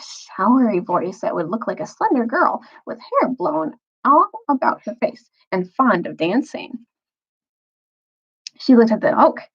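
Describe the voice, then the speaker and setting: Her voice medium in pitch and a touch husky, a woman reads a children's novel aloud as a teacher-storyteller, swooping and lively in intonation. She shapes her phrasing carefully to emphasize words, on a slightly dull recording.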